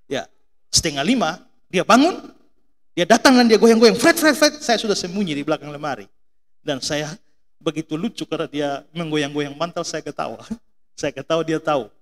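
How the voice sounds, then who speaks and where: A middle-aged Indonesian pastor preaches a sermon full of animated stories, mimicking voices and firing questions at the congregation. His voice is fairly high, at normal speed, with frequent pauses.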